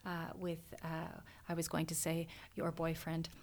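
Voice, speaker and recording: A woman's voice: sits low, completely flat delivery, unhurried, a little mellow. Chatty Canadian woman podcast co-host. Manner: chatty, laughs often, hesitant fillers. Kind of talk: casual academic chat.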